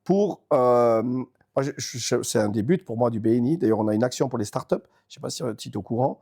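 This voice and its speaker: A Swiss man in an interview, talking about his network organization in quick, chatty bursts with lots of restarts. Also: medium pitch, warm tone, breathy edge. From Switzerland. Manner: fast, talkative, many restarts and repeated words. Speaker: network organization regional leader. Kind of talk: casual interview talk.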